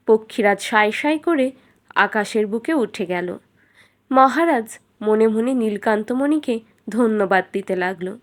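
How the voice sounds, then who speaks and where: Reading from a script in a storytelling style, a female narrator with a fairly high voice tells a fairytale for children.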